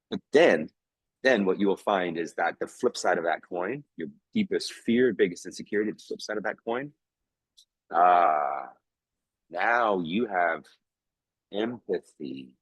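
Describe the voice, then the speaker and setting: A man's voice: low-pitched, breathy edge, dry recording, poor audio. A man coaching a group over a video call, with an emphatic, heartfelt manner. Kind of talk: motivational coaching talk. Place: home, in Vancouver.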